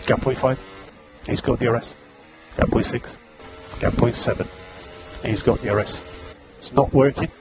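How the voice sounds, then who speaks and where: A man's voice: medium pitch, steady tone, moderate pace, long pauses, over music. Man giving terse pit radio calls. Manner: clipped, repetitive gap and status calls. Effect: team radio transmission. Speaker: race engineer. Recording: noisy radio link with engine noise.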